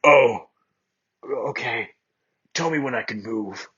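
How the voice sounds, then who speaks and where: Man doing a smug teasing young guy, cocky, husky voice, muffled lo-fi sound. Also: medium pitch, takes it slowly, fairly bright tone, voice pushed up, full character voice. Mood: soft.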